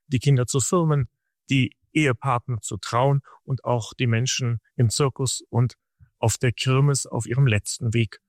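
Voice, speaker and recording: Guy with a gravelly voice, calm steady explaining, dry studio sound. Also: mid-range voice, no echo. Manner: measured, explanatory, long sentences. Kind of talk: radio interview answers.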